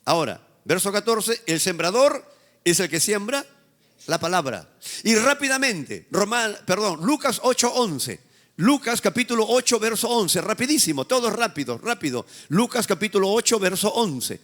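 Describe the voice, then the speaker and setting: In a live church service, a Peruvian pastor with a Peruvian Spanish accent preaches a sermon at normal speed, his high, ringing voice swooping up and down with lively energy. He leads call-and-response, having the congregation repeat his words, and nudges them with teasing exhortation.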